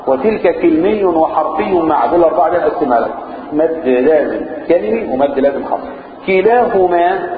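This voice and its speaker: A man with an Egyptian Arabic accent teaching Quran recitation rules, chanting the verses slowly and quizzing his students between quick explanations. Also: fairly high pitch. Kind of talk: explaining tajweed rules in a lesson. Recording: echoey room over a tinny phone-like line.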